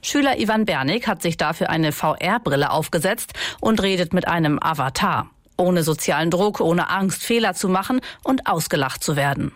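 A woman reporter reading a scripted news voice-over in a clear, measured way. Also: on the low side, expressive, dry recording, clean studio sound.

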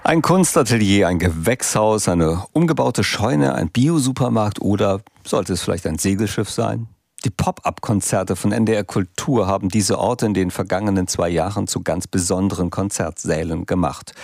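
Low gravelly male radio presenter. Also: normal speed, a little mellow, dry recording, clean studio sound. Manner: crisp announcer delivery.

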